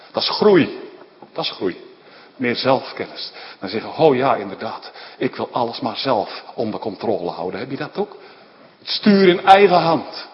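A man preaching a sermon in speech, animated and emphatic, often asking his listeners short questions. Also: medium pitch. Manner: animated, rising to emphatic outbursts, frequent tag questions. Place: church. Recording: dull lo-fi recording in a reverberant hall with faint background noise.

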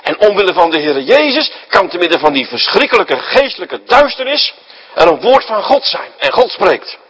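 Animated husky male preacher. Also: sits high, moderate pace, poor audio. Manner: animated, rhetorical questions, acts out the story; swings between loud emphasis and quiet asides. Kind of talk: sermon to a congregation.

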